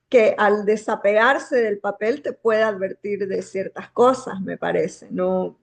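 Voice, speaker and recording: A woman author from Bolivia with a Bolivian Spanish accent, speaking in a reflective way, pausing and searching for words. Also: mid-range voice. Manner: reflective, searching for words, many filler pauses. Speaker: guest author. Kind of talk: thoughtful conversation.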